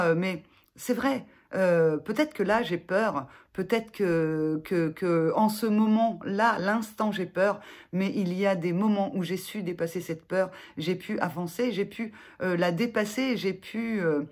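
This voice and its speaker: A woman therapist giving gentle self-help advice to viewers in a vlog, speaking haltingly with many filler sounds and restarts. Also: lowish voice. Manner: gentle, reassuring address to viewers.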